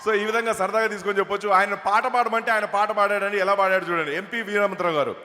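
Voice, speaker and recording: A male comedian chatting through a lively stage comedy routine at a large event, on a handheld mic through an echoey hall PA. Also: sits high, quick pace. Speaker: stand-up comedian and mimic.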